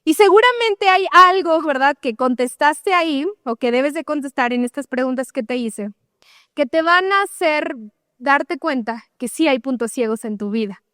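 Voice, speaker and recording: A woman's voice: sits high, animated, normal speed, a bit bright, no echo, clean studio sound. A young adult woman pastor with a Mexican accent, preaching a conversational sermon and often checking in with "¿verdad?". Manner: conversational, tags questions with "¿verdad?", acts out everyday dialogues.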